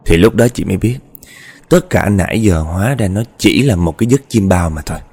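A man with a Southern Vietnamese accent narrates a horror tale in a low, husky voice. His delivery is lively and chatty, swinging up and down as he talks straight to his listeners. Faint music sits underneath. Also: fairly quick. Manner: chatty, addresses listeners directly. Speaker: storyteller.

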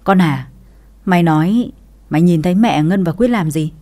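A woman's voice: on the low side, moderate pace, mellow, lightly acted. A woman voicing an angry, stern older father-in-law in a read-aloud story.

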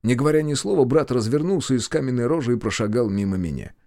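Man, audiobook narration, first person, lively pitch, dry close mic. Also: fast talker, dry recording. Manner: lively, acts out shouts and dialogue.

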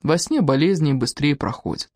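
Женщина-чтец, ровный сухой голос. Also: female voice, deep voice, lively intonation, normal speed, a little mellow, dry recording, clean studio sound. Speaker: audiobook narrator. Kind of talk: scripted narration.

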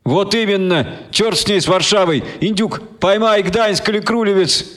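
A man's voice: high voice, moderate pace, fairly bright tone, voice pushed up. A man voicing an impatient teenage boy who gives orders to his friends. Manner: impatient, demanding.

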